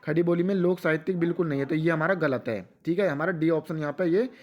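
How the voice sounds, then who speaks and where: Fast-talking male exam-prep teacher. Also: a little high, darkish tone. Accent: western Uttar Pradesh. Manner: asks questions and answers them himself; repeats answers for emphasis. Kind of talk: rapid quiz-style lecture.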